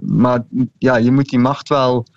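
A man's voice: medium pitch, little pitch movement, a little slow, clean tone, no room sound. A man explaining a subject informally as an interviewed expert, heard over a slightly dull remote line.

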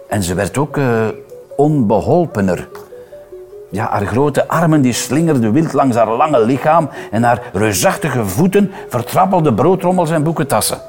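A man reading a children's story aloud, expressive and playful, switching into voices for the characters. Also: medium pitch. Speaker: reader.

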